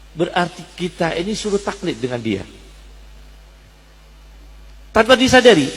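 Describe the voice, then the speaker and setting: A man's voice: sits high, fairly bright tone, in a large hall, rough recording. A man preaching a sermon emphatically, asking rhetorical questions and quoting Arabic scripture.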